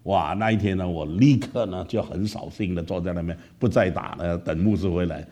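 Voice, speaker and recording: Man, Malaysian Mandarin accent, storytelling sermon, animated, low pitch, mellow tone. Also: a little fast. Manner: animated, keeps asking "right?" to listeners.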